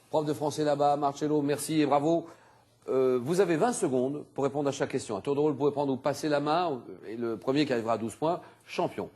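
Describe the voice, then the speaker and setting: A man hosting a TV quiz show, animated and exclamatory, reading clues and teasing contestants in a studio. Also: medium pitch.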